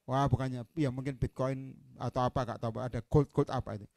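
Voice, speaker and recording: A man with an Indonesian accent touched by Javanese, preaching a sermon as an evangelist and telling stories animatedly, moving from quiet asides to loud proclamations. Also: mid-range voice, fairly even intonation, fairly quick, no echo, studio quality.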